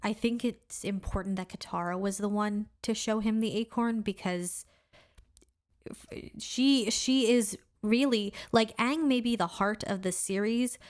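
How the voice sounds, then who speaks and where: A woman's voice: mid-range voice, a little slow. A woman co-hosting a podcast, chatting casually with lots of laughter and filler words. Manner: chatty, laughs often, many "like"s and "you know"s. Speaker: podcast co-host. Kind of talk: casual chat.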